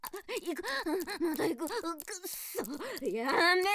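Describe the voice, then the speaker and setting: A woman voicing a defiant, foul-mouthed captive young woman in an adult audio drama, talking rough and coarse, with stammers and panting between words. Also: sits high, expressive, slow pace, bright, forceful tone, exaggerated voice. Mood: flustered, panting. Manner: rough, coarse street talk, snarling threats.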